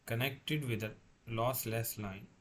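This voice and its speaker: A man lecturing as a tutor, working through a problem step by step in a halting way, repeating and correcting himself. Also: mid-range voice, slight background noise. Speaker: engineering tutor.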